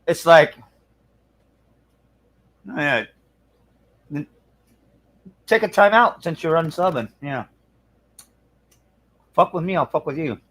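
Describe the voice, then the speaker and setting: Crude swearing streamer guy, kinda high voice, mumbles while clicking around. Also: animated, slow, long pauses, a bit bright. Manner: crude, profane banter with chat; mumbles while fiddling with screen. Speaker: livestream host. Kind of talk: casual live-stream chat.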